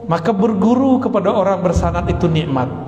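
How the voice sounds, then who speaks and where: A man's voice: high voice, expressive, brisk, a little mellow, slight background noise. A man giving a religious lecture as a preacher, telling stories with animation and putting questions to his audience. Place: hall with long reverb. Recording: echoey hall, faint background ambience.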